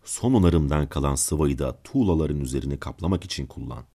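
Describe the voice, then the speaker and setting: A man's voice: rumbling low, animated, fairly quick, gravelly, mellow, slightly rough, full character voice. A man voicing a cold, controlling nobleman count in a storybook reading, giving stern commands.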